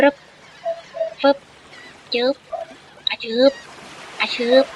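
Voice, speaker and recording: Man, bright voice, excitable game commentary, playful role-play, makes his own jump sounds. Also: high voice, muffled recording, slight background noise. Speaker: gaming channel host.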